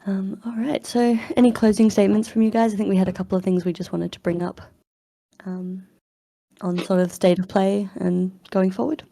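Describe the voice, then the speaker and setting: A woman's voice: mid-range voice, flat delivery, fairly quick, vocal fry, dark tone, no room sound, studio quality. A woman hosting a casual live voice chat, upbeat and chatty, with fillers and frequent laughs, in her morning voice. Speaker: community manager hosting an AMA. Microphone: voice chat headset or computer mic.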